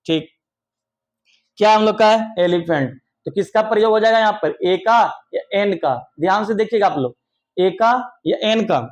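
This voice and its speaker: A young man teaching English grammar to children in an online lesson, coaxing them affectionately and praising their answers loudly. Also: high-pitched, moderate pace, highs cut off.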